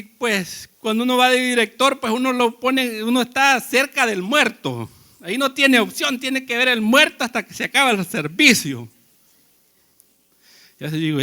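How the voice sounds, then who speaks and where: A man's voice: very high voice, pushed and bright. A man preaching a sermon in a conversational way, telling personal stories and asking the congregation questions.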